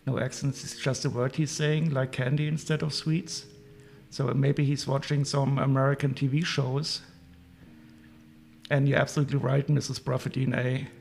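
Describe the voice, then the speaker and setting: Gravelly German-accented man, casual streamer. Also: mid-range voice, flat delivery, normal speed, a little mellow, a little hiss or hum. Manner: chatty, muses aloud while sorting parts. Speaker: livestream host. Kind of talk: casual livestream chat. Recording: faint music behind.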